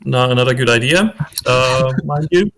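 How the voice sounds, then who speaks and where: A man narrating a scene in a tabletop game, halting and repeating his words. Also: medium pitch, a bit bright. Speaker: player. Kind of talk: tabletop role-play narration.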